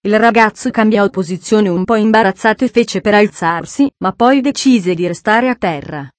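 A woman narrating a children's novel in a calm, measured storytelling voice. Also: medium pitch, no room sound. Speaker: audiobook narrator. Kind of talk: scripted narration.

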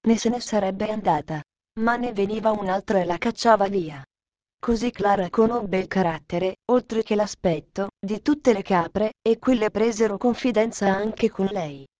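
A woman narrating a storybook with steady, measured reading. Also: medium pitch, no room sound, lo-fi sound.

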